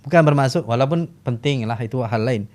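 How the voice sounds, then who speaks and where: A Malaysian man speaks as a historian guest on a podcast. His pitch sits in the middle range and his delivery is quick. He poses questions and then answers them himself. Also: darkish tone. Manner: fast, explanatory, asks and answers own questions. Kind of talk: podcast interview.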